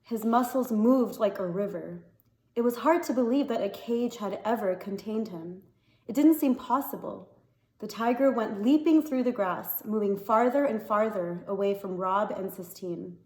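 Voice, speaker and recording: Woman calmly reading a story aloud. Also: medium pitch, normal speed, echoey room. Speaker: reader. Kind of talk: reading a children's novel aloud.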